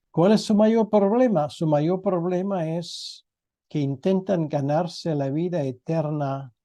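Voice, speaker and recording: Slow, mellow-voiced male Bible teacher. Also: on the high side. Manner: measured, with frequent pauses and rhetorical questions. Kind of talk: expository sermon with scripture reading and prayer.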